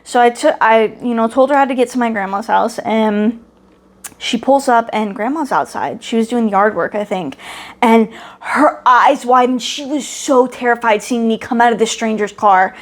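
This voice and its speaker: A woman's voice: a little high, normal speed. A young woman co-hosting a podcast, telling a childhood story casually and acting out the voices in quotes, often laughing. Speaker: podcast co-host.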